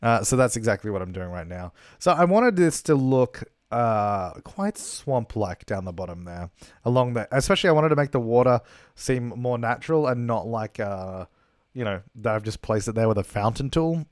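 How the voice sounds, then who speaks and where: Talking a little fast over gameplay, a young man who makes gaming YouTube videos rambles casually, full of fillers and laughs. His mid-range voice is a bit worn and darkish, with lively intonation. Though captured on a travel recording setup in a hotel room, the audio is studio quality with no room sound.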